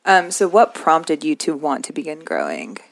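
A woman's voice: low-pitched, huge pitch swings, normal speed, gravelly, no echo, low-quality recording. A woman co-hosting a podcast in a casual, conversational style. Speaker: podcast co-host.

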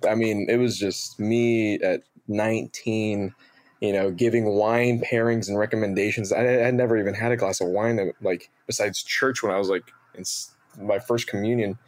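A man in his twenties, a guest telling animated, self-mocking stories with many fillers over a video call. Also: fairly low pitch, moderate pace. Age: 20s. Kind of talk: casual interview storytelling.

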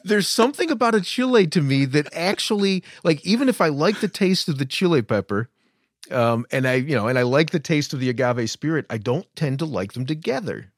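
A man interviews casually in a slightly high voice with very animated pitch. He is informal and skeptical, turning thoughts into questions. The recording is close and dry. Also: a little fast, no room sound.

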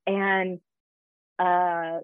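On a tinny, phone-like line with no echo, a woman in her thirties speaks in a fairly low, clear, resonant voice, very slowly and with flat delivery. She is the founder of a fitness business, appearing as a guest in a casual interview and telling her story in a chatty way, laughing often and using plenty of fillers.

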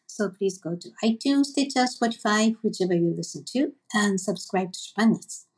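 A woman hosts an interview podcast with a soft, breathy voice at a middle pitch. She reads her introduction steadily from a script and then moves on to short, friendly questions for her guest. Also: animated, normal speed. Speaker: podcast host.

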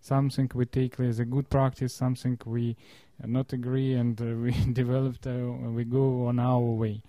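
A man from Russia with a Russian accent, explaining in an interview in halting non-fluent English, often searching for words. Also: mid-range voice, little pitch movement, dark tone, no echo.

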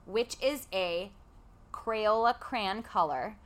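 A woman in her thirties co-hosting a casual podcast, running a quiz game in a loud, bubbly way. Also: mid-range voice, slow pace. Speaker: podcast co-host.

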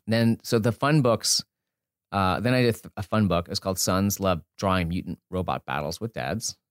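A deep-voiced man, an entrepreneur and author, speaks at a moderate pace as a guest in a casual interview. He talks informally and thinks aloud, breaking off and rephrasing. The recording is dry and studio quality.

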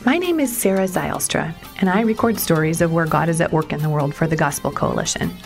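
Woman, documentary narrator, scripted, measured, lowish voice, music bed underneath. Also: creaky. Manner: measured storytelling with emphatic questions. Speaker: podcast reporter and narrator.

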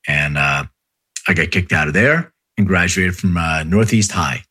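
A man's voice: low-pitched, measured pace, bright, forceful tone. A man from Philadelphia hosting a casual interview, rambling with many restarts and frequent laughs. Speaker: podcast host.

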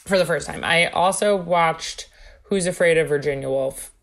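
A woman with a lowish voice reads from her notes at a moderate pace while co-hosting a casual podcast. She keeps dropping wry, jokey asides in a playfully conspiratorial way.

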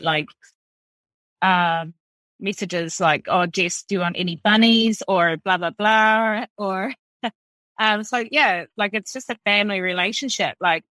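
A woman's voice: mid-range voice, pushed and bright, dry recording, poor audio. A woman, a chef rambling animatedly in a casual podcast interview, full of filler words and swearing. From New Zealand.

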